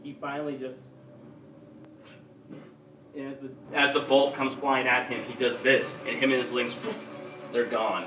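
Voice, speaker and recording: A man running a tabletop game as game master, narrating dramatically and bursting into loud shouted lines. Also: mid-range voice, steady tone, normal speed, roomy sound, recorded from a distance, background noise.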